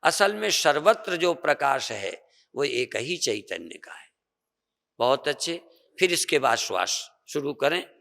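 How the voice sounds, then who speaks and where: An older Indian man, a spiritual teacher, slowly guiding a group through meditation and breathing with soft repeated coaching. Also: mid-range voice, very animated, vocal fry. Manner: slow, repetitive soft coaching with pauses. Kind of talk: guided meditation and breathing instruction. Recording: long reverb of a hall.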